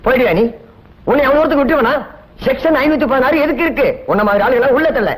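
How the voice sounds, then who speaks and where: An actor playing a bossy, blustering comic police constable in film dialogue. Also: male voice, very high voice, fast, slight background noise, rough recording. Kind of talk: 1980s Tamil film comedy dialogue.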